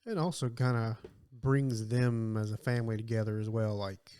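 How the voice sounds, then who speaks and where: A man's voice: on the low side, fairly even intonation, normal speed, mellow, clear, resonant tone. A man co-hosting a casual movie-review podcast, easygoing and full of fillers like "uh" and "you know.". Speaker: podcast co-host.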